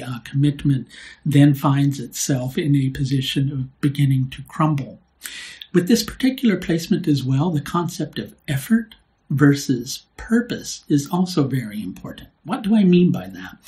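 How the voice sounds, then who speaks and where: A man, an astrologer hosting his own video, explaining a topic in a relaxed conversational way and tagging his points with "right?". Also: on the high side. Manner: unhurried, with filler "uh" and restarts. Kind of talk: solo explanatory video talk.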